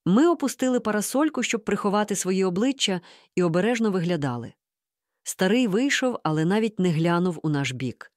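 Lively, expressive woman storyteller. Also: mid-range voice, dry recording, clean studio sound. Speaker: audiobook reader. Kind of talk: storytelling narration.

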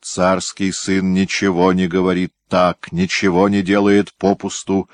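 A man's voice: low-pitched, monotone, unhurried, no room sound, studio quality. A man voicing a stern, imperious aging tsar in an audiobook, speaking raised and commanding. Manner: raised, forceful, commanding delivery.

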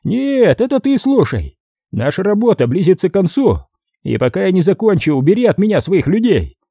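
A man voicing a cold, menacing male hitman who threatens quietly over the phone in an audiobook. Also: high voice, very animated, moderate pace, creaky, no room sound, studio quality, pitched above the performer's own voice, full character voice.

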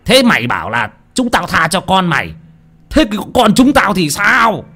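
A man voicing a furious old village father who shouts curses. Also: very high voice, expressive, moderate pace, voice pushed up, exaggerated voice. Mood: enraged.

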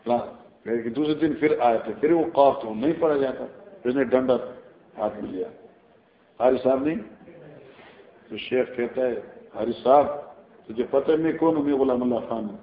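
A man with a Pakistani Urdu accent teaching scripture in a classroom lecture, explaining the Arabic text line by line and telling stories as he goes. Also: mid-range voice. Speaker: hadith teacher. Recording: roomy, dull lo-fi recording.

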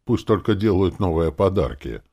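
A brisk young female elf shopkeeper, voiced by a man in a storybook reading. She chatters in a raised, lively voice and lays out customs as plain business. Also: deep voice. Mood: explaining.

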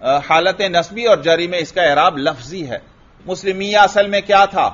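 A man's voice: high-pitched, fairly bright tone. A man teaching an Arabic grammar lesson to a class. He asks his students questions, answers them himself and repeats the key words. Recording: dull lo-fi lecture recording.

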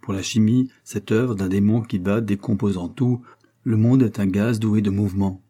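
Male audiobook narrator, steady measured reading, low voice, husky.

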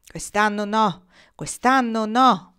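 A woman voicing a young boy flying with wild geese, calling back his answers in a drawn-out, sing-song refrain. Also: mid-range voice, pushed and bright, clear, resonant tone. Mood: calling, firm.

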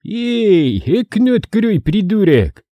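A sly, menacing militant captor, as a man voices him for an audiobook, speaking in a raised, lively pitch. He barks orders and mocks with feigned surprise. The voice is husky and warm, and the recording is dry. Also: a little slow, dry recording, lo-fi sound, full character voice. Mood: mocking. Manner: mocking, commanding, feigning surprise. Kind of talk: audiobook character reading.

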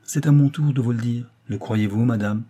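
A man reading aloud voices a stern doctor, speaking with grave, calm authority. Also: mid-range voice, normal speed, slightly rough, close to an everyday voice. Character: stern calm male doctor, family friend.

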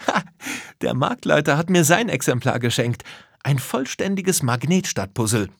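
A bright, eager little girl from a children's storybook, high and bouncy, full of quick excitement, as a male narrator puts her on. Her voice is a little husky in a dry, close sound. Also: no room sound, exaggerated voice. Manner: lively and excited. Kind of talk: storybook character voice.

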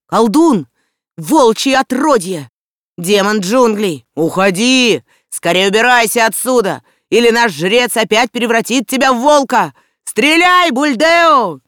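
An angry village mob, as an audiobook reader shouts it, hostile and high. The voice is loud and pitched far above the reader's usual tone. It is recorded dry and close. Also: animated, a little slow, no echo. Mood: angry shouting.

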